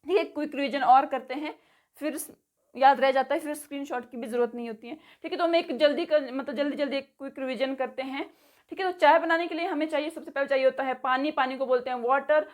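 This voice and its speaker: A woman giving a casual vocabulary lesson, repeating each word slowly, spelling it out letter by letter and checking in after each item. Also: high voice. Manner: says "theek hai" after nearly every item. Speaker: spoken English teacher.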